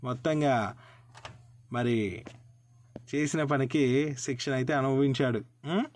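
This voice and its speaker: A man narrating a folk tale in a lively, expressive way as a channel host. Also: medium pitch, takes it slowly, slight background noise.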